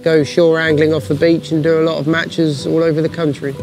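A young adult man, a sea angler and crab fisherman, talks informally and plainly to camera about fishing in a documentary-style piece, with music in the background. His fairly high voice is brisk and flat, and the recording is low quality.

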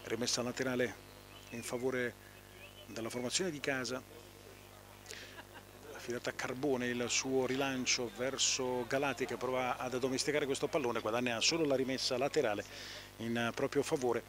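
A man with an Italian accent giving live play-by-play football commentary outdoors, halting at times to fill in details. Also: medium pitch, fairly even intonation. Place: outdoors beside a small football pitch.

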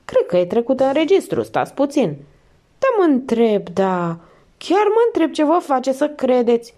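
A fussy, talkative middle-aged innkeeper woman from a read-aloud crime story, put on by a female narrator. Her voice jumps up high and swings lively, over a mellow, dark tone. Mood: flustered. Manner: chatty, high and excited.

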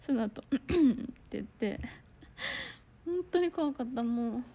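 A young woman chatting casually on a solo livestream, reading viewer comments and telling a story with loud outbursts and hushed asides. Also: on the high side, expressive, a little slow. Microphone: phone or computer mic on a solo livestream.

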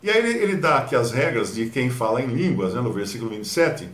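A man with a Brazilian Portuguese accent giving a Bible study, animated and mockingly mimicking others. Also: medium pitch, fast, reverberant. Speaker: Bible teacher.

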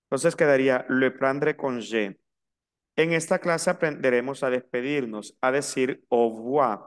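Male language teacher, smooth clear voice, slow careful pronunciation drills. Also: medium pitch. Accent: Latin American Spanish. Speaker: French teacher. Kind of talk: online language lesson.

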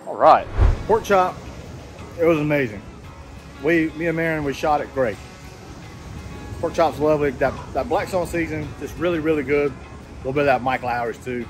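Soft background music accompanies a folksy cooking channel host making a casual vlog outdoors on a beach by the ocean, recorded on a clip-on lapel mic. He's chatty and says "y'all" a lot, speaking at a moderate pace in a fairly high voice with long pauses.

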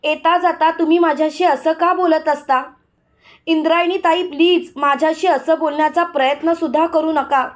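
A woman's voice: sits high, steady tone, normal speed, lightly acted. A woman narrator voicing a frightened, scheming young woman who answers defensively and evasively.

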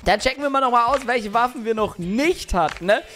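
A young man doing let's play commentary, teasing and excitable as he plays. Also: very high voice, fairly quick, faint music behind. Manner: excitable, teasing, shrieks and laughs at his game. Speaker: gaming YouTuber.

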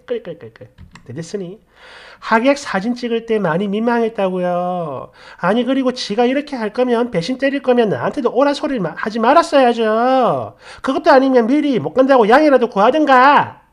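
A woman narrating a story in the first person, sounding indignant and aggrieved as she complains. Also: on the high side.

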